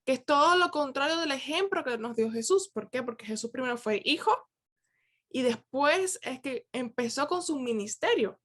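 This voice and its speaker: Woman reflecting warmly in a youth class. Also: high-pitched, expressive, moderate pace. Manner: conversational, with many fillers and restarts. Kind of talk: casual reflective teaching. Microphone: video call.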